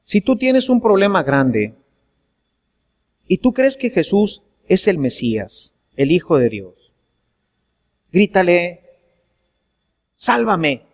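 Priest, high tenor, earnest sermon with questions to the flock, long church reverb. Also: male voice, sing-song, slow, long pauses, a little mellow. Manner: earnest preaching with rhetorical questions to the congregation.

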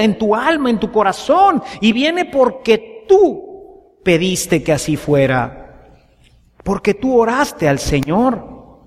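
Sacerdote mexicano de voz aguda predicando. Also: male voice, extremely high pitch. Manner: rhetorical, questions the congregation, repeats phrases. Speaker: priest. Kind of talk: sermon. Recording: long reverb in a large church.

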